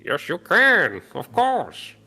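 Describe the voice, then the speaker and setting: Bright, forceful and pitched up, this is an old-time sixties baseball announcer. He delivers every line like a home run call, showy and brassy, for a tabletop game. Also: huge pitch swings, takes it slowly, creaky, slightly rough, faint music behind, full character voice. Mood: showy, excited. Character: 1960s-style baseball announcer voice, showy ship's crewman. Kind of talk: tabletop role-play.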